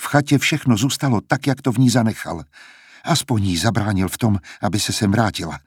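A man narrating an audiobook in a steady, measured storytelling manner. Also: lowish voice, breathy edge, no room sound, clean studio sound.

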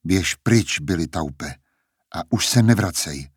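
A man's voice: low voice, animated, husky, no echo, clean studio sound, voice pushed down. A man voicing a defiant, blunt young woman in an audiobook reading. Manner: firm, blunt. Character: defiant young woman singer, sharp-tongued.

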